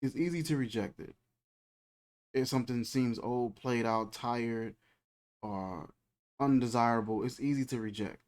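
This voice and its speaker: Man, thirties, channel host, reflective faith talk, colloquial, repetitive phrasing, mid pitch. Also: a little slow, long pauses, a little mellow. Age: 30s.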